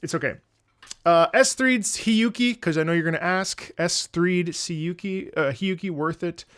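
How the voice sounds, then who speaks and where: A man streaming a game, chatting casually with his viewers in an excitable, rambling way, swearing and greeting people by name. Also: high-pitched, unhurried. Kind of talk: casual livestream chat.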